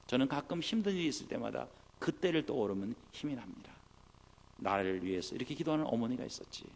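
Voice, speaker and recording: A middle-aged man, a pastor, preaching a sermon and telling a childhood story in an animated way, sometimes acting out his mother's prayers. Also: medium pitch, vocal fry.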